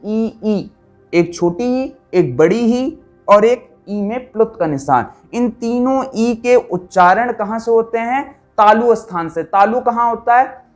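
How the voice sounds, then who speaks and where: Slow-speaking male language teacher. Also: sits high. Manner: asks questions and answers them himself; spells out sounds one by one. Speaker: Sanskrit teacher. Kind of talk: spoken lesson.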